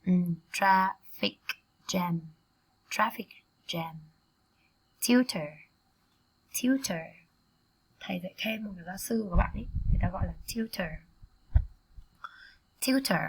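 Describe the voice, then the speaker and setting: Gravelly-voiced woman drilling English words. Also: medium pitch. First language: Vietnamese. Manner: repeats words slowly for students to echo, then explains quickly. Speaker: English teacher. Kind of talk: vocabulary lesson with repetition drills.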